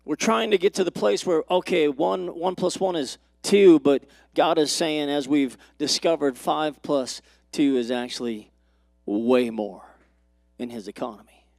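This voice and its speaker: A man's voice: a little high, measured pace, vocal fry, darkish tone, dry recording, clean studio sound. A male pastor preaching a sermon to his congregation, with rising and falling emphasis and questions to the room. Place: church.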